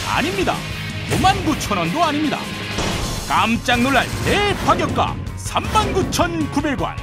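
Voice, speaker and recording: Loud music bed, woman announcer, lively intonation, punchy hard-sell ad narration. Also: fairly high pitch. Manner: punchy, emphatic slogans. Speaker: advertisement announcer. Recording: voice-over with loud music behind.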